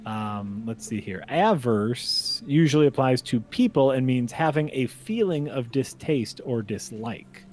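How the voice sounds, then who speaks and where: A man co-hosts a gaming session with playful, jokey banter and frequent laughs. His voice sits at an ordinary middle pitch. A clear layer of noise runs under his voice. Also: animated, a little slow, few pauses. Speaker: co-host playing a video game. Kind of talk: casual gaming chat. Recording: noisy background.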